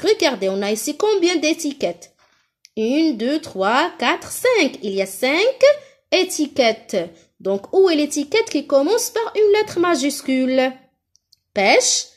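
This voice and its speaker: A woman teaching children to read, speaking slowly and sounding out each word with care. Her voice sits fairly high and she repeats syllables so pupils can echo them. The tone is patient and instructional throughout. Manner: slow, clearly articulated, repeats words for pupils to echo. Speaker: primary school teacher. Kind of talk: reading lesson for young children.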